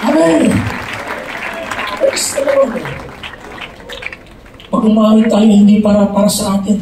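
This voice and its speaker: A man with a Filipino accent preaching at a youth conference, often shouting and breaking into song, switching between Tagalog and English. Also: high voice, slow pace. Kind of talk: sermon. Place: large hall with an audience. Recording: echoey hall from far off, loud crowd and noise.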